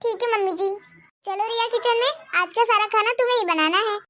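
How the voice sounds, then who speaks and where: Cartoon daughter-in-law, young, polite and obedient, voiced by a woman, with a very high voice. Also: brisk, sharp tone. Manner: polite, respectful replies. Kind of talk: cartoon dubbing.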